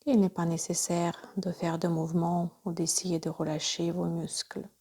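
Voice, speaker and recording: Leading a yoga nidra session, this female instructor has a lowish, slightly rough voice. Her delivery is soft and airy, frequently almost whispered, broken into short phrases that stay calm and measured.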